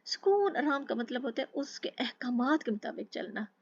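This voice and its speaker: A woman teaching tajweed, patiently explaining each letter and then slowly chanting the verse. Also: on the high side, expressive, slightly rough, no room sound, dull audio. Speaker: Quran recitation teacher. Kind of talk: slow tajweed lesson with recited examples.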